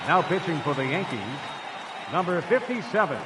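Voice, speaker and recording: A man voicing a ballpark public-address announcer, drawing out each name as it rings through the stadium loudspeakers from afar. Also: lively intonation. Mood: announcing. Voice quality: drawn-out, booming delivery of names. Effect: heard through stadium loudspeakers from afar. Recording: loud ballpark crowd and noise.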